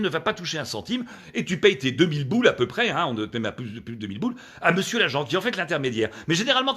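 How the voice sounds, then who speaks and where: Animated, fast-talking male comedian. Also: a little high. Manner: animated, repetitive and exaggerated. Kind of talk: solo stand-up show. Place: at home.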